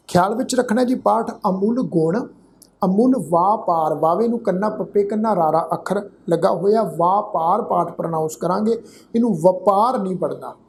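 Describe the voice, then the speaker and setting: A man teaching scripture pronunciation, spelling out letters and vowel marks and then saying each word slowly. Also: high-pitched, vocal fry, darkish tone, slight background noise. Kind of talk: slow line-by-line scripture pronunciation lesson.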